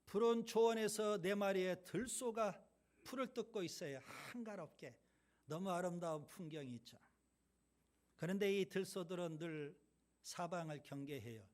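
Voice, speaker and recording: A man's voice: high voice, moderate pace. A male pastor giving a sermon, reading scripture emphatically and telling stories.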